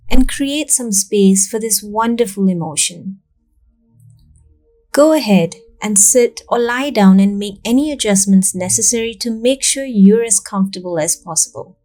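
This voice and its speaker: Speaking at medium pitch, a woman talks listeners through a meditation in a tranquil, soothing, deliberate tone, leaving long gaps after each instruction.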